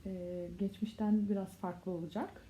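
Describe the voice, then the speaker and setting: Very mellow, halting woman interpreter. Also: medium pitch, flat delivery. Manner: halting, searching for words. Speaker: interpreter between English and Turkish. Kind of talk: live consecutive interpreting. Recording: muffled, echoey room, faint noise.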